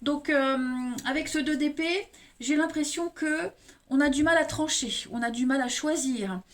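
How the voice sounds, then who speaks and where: A high-pitched woman takes her time through a monthly tarot reading, addressing the viewers herself. Her accent points to eastern France, and the tag "hein" turns up again and again.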